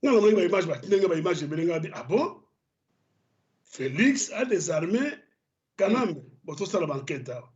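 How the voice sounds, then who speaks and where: Congolese male pundit, high and heated, stammering restarts, dull lo-fi broadcast sound. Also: very animated, fairly quick. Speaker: political commentator. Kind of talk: studio debate commentary.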